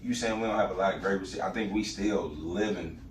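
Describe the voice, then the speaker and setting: A man's voice: deep voice, quick pace. Emphatic man arguing sports, roomy mic. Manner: emphatic, argumentative, slangy. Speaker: podcast co-host. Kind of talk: casual sports chat. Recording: roomy, distant mic, faint noise.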